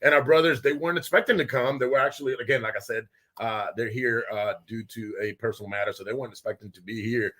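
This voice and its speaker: Man, studio show host, loud, excitable, laughing often, casual talk. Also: mid-range voice, fast. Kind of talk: casual live show hosting. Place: small studio with guests.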